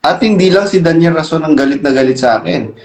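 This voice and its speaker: Isang lalaking host ng channel sa kaswal na kuwentuhan, masigla at minsan nanenermon. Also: male voice, fairly high pitch, fast, creaky. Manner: animated, scolding when addressing critics. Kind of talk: casual chat. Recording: echoey room.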